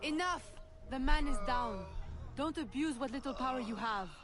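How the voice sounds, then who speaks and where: A woman voicing a calm, determined young heroine in a video game, speaking formally. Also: sits high, moderate pace. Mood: firm. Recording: game audio with music behind.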